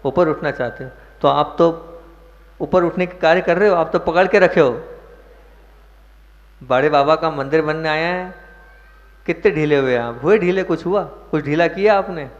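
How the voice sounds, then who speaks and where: A man's voice: a little high, normal speed, pauses often. A man giving a sermon as a Jain monk, explaining verses and putting questions to his listeners. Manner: explains verses, asks the audience questions, stresses words. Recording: muffled echoey hall recording.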